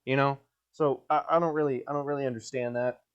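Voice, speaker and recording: A young man hosts a solo podcast, rambling deadpan and crude in a nasal, mid-pitched voice while tripping over his words. He talks fast, dry-mouthed and a bit coughy as if he's been sweating all day in a hot basement, and his tone is clear and resonant despite the lo-fi sound.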